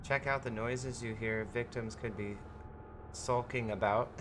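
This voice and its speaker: A man streaming a horror game live, chatty and excitable, laughing often and greeting viewers by name. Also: mid-range voice, measured pace, background noise. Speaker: gaming streamer. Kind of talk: live-stream gameplay commentary.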